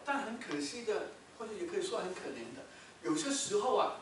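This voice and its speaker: A man preaching a sermon as a pastor, telling a story with rhetorical questions and loud bursts when he quotes someone shouting. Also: sits high, very animated, brisk, a little hiss or hum. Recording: echoey hall, mic from far off.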